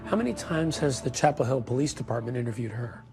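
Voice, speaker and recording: A male news correspondent asks questions politely and urgently. He talks fast. Music plays clearly beneath him. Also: medium pitch, expressive. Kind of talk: doorstep interview.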